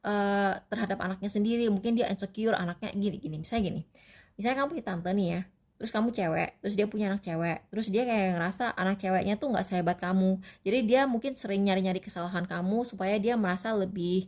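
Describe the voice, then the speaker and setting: A woman's voice: medium pitch, fast talker, darkish tone. A woman from Indonesia giving casual tarot reading advice, talking in a chatty, loose way full of fillers and restarts. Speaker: tarot reader.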